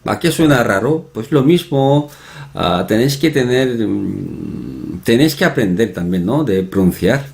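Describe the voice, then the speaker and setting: A man's voice: fairly low pitch, lively intonation, measured pace, gravelly, a little mellow. A man teaching an online language lesson, explaining patiently and repeating example words several times, with chatty asides. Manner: chatty asides, often asks "¿no?".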